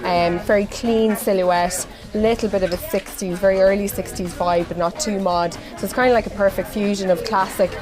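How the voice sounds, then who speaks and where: A woman's voice: mid-range voice, fairly even intonation, normal speed, hardly any pauses. An Irish woman fashion designer giving interview answers about her work. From Ireland. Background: music.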